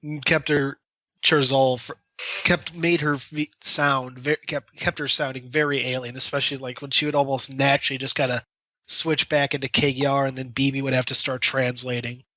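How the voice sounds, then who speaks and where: A man co-hosts a podcast in loose, casual chat, hedging his points as he goes. His voice is bright and forward. The sound is dry and close. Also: medium pitch, flat delivery, moderate pace, no room sound. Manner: loose, hedging talk with many likes. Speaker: podcast co-host. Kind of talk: casual discussion.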